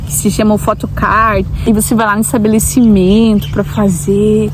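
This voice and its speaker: A woman's voice: medium pitch, little pitch movement, moderate pace. A young woman from Brazil, vlogging in casual talk to the camera and often asking viewers questions. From Brazil, Santa Catarina. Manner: chatty, asks viewers directly, frequent tag questions. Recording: noticeable background noise.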